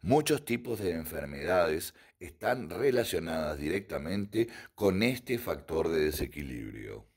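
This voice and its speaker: A man, a karate instructor, reading a written text aloud in a measured, deliberate way, sometimes correcting his own slips. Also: low-pitched, very animated, slightly rough.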